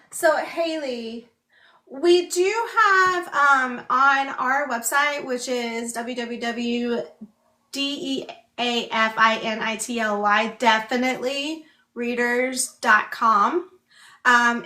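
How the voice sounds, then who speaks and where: Bright-voiced woman signing while speaking, unhurried. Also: fairly high pitch. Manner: signing while speaking, with halting, broken-up phrasing. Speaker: book club host and ASL voice interpreter. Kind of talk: casual livestream chat. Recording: echoey room.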